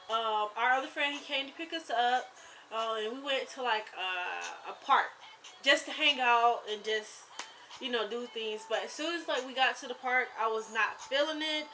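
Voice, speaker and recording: A young woman vlogging, telling a scary story in a rambling, animated way with lots of fillers. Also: fairly high pitch, a little hiss or hum, poor audio. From rural US South. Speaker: YouTuber. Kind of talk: casual storytelling vlog.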